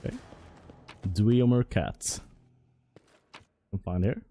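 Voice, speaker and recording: A man's voice: on the low side, slow pace, mellow, slight background noise. A man casually commentating as he plays a role-playing game, thinking aloud about tactics. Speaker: gameplay commentator. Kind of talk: let's play commentary.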